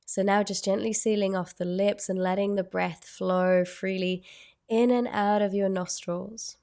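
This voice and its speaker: A woman leads a meditation at a very slow pace, leaving long pauses between her gentle phrases. Her low-leaning voice keeps to a narrow, even range with noticeable vocal fry at the edges, and her delivery is soothing and unhurried.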